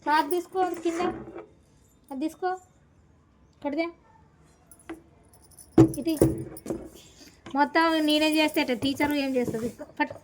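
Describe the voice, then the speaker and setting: A woman's voice: high-pitched, steady tone, unhurried, pauses often, noisy background. A woman, a mother, talking casually with her young daughter at home, coaxing and scolding. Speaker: mother and vlogger.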